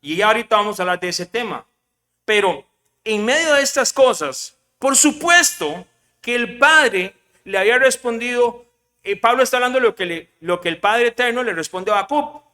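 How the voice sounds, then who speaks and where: High, bright-voiced preacher in a reverberant hall. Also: male voice, normal speed. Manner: lively preaching, rhetorical questions to the congregation, mixes in English words. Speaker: pastor. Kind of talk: sermon.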